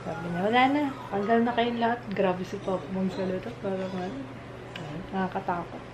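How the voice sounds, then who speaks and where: A woman's voice: mid-range voice, a little fast, noisy background. A woman vlogger talking candidly to her viewers at home in a casual, confiding way. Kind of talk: casual chat to camera.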